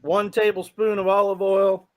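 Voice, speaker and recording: Male guest, high bright voice, chatty. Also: flat delivery, normal speed. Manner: chatty, folksy, teasing. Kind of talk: casual chat.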